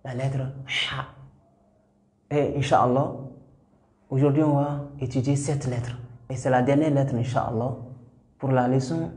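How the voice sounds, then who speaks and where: A man teaching Arabic letters step by step, slowly repeating each sound for learners to copy. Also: medium pitch, steady tone, a little mellow, roomy sound. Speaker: Quran teacher.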